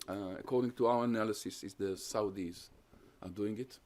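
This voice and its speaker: A Hungarian-born guest lecturer on terrorism research delivers an academic lecture and takes audience questions. His voice is lowish, steady and somewhat dark, and he explains things in a measured way, building up lists of points.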